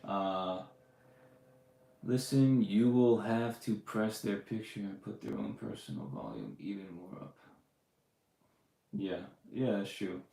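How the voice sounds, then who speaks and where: A man's voice: lowish voice, lively intonation, slow pace, creaky, pauses often, dark tone. A man hosting a casual live podcast, chatting loosely with lots of fillers and restarts. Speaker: podcast host answering live questions. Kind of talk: casual livestream chat. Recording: roomy echo.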